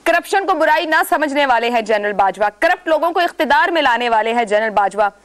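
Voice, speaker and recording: A woman's voice: high-pitched, lively intonation, a little fast. A woman hosting a political talk show, pressing guests with pointed questions.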